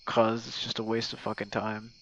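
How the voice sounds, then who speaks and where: A young online audio roleplay creator and streamer talks in a fairly low, monotone voice at a moderate pace, his tone fairly bright. He's leaving a loose, rambling message for a gamer pal, heavy on swearing and self-deprecation, recorded in low quality with light hiss or hum and crickets at night.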